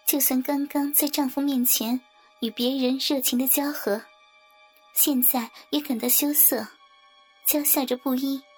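Woman audiobook narrator, high voice, husky, steady storytelling, faint music under. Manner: steady storytelling, acts out characters. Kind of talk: scripted martial-arts novel narration. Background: faint background music.

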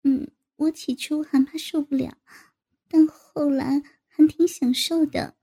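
A woman voicing a shy young woman who confides to a friend in a hesitant, halting way. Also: high-pitched, steady tone. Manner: hesitant, halting, soft-spoken. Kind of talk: adult audio story reading.

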